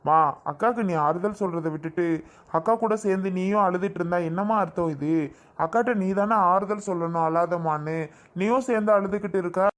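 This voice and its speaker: A man playing a kind younger brother in a family drama skit, speaking in a calm, reassuring way. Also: sits high, a little fast. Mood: comforting.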